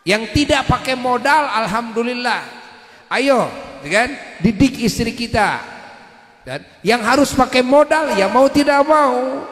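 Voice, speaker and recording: A man's voice: extremely high pitch, measured pace. A man delivers a sermon. He keeps checking with his listeners and raises his voice sharply to drive points home. The sound is roomy and rings with a long hall reverb. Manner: keeps asking the audience "ya kan?", with sudden loud emphatic bursts. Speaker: Islamic preacher.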